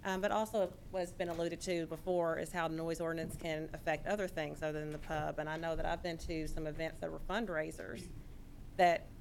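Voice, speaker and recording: A woman addresses a city council during public comment, her voice low and flat. She speaks in a halting way, full of fillers. A faint hum of the room sits behind her. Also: gravelly. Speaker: resident giving public comment.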